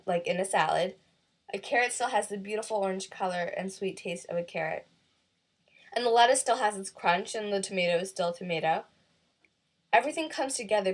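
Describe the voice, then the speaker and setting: Brief: teen girl student, thoughtful school essay, webcam mic. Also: medium pitch. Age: teens. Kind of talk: reflective school video essay.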